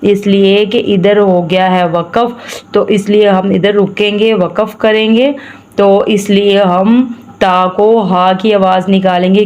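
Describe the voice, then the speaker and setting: A woman from Pakistan teaching Quran recitation, patiently chanting each word slowly and then explaining quickly. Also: medium pitch, a little mellow, lo-fi sound. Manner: slow drawn-out recitation alternating with quick explanation. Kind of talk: tajweed recitation lesson.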